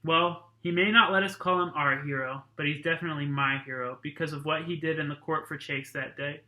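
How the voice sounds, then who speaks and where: A man, a teacher, reading a novel aloud to his students in a plain, steady, casual way. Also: a little high, brisk, reverberant, low-quality recording.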